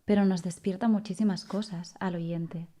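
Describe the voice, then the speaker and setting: A woman's voice: fairly low pitch, steady tone, normal speed, mellow. A woman podcast host speaking in a thoughtful conversational way, searching for words as she goes. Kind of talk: conversational interview.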